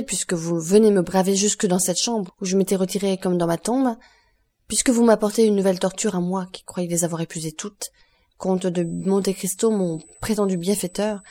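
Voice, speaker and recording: A woman's voice: mid-range voice, mellow, lightly acted. A woman reading the lines of an anguished young man, desperate and furious, with passionate, pleading outbursts. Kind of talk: audiobook reading of a novel.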